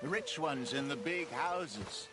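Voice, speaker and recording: Lively-pitched outlaw boss. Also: male voice, slow pace, background noise. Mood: prodding. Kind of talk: video game character acting.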